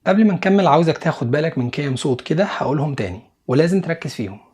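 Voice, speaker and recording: A man with an Egyptian Arabic accent teaching English pronunciation to beginners, patiently repeating each sound slowly and reassuring the learner. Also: fairly high pitch, expressive, darkish tone, breathy edge.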